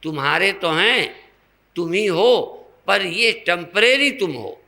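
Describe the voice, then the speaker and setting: An older man, a swami, giving a slow spiritual sermon, teaching through rhetorical questions and everyday examples in a gravelly voice. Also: high voice, lively intonation, pushed and bright.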